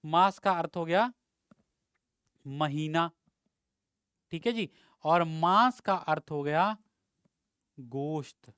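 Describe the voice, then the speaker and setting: A man's voice: a little high, slow pace, pauses often, fairly bright tone, clear, resonant tone, dry recording, studio quality. A male teacher giving an exam-prep Hindi lesson, explaining words with rhetorical questions and frequent checks of "ठीक है".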